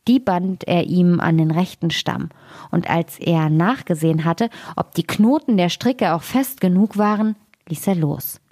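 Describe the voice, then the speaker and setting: Woman reading a fairy tale in a calm, lowish voice. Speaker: storyteller of a radio podcast. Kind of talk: fairy tale read aloud.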